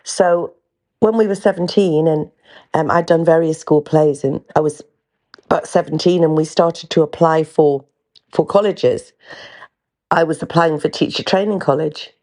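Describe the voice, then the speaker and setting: Candid, casual storytelling comes from an older North East England woman who hosts a podcast and has a faint Geordie accent. Her voice sits low and mellow at a normal speed, broken up by frequent ums and restarts.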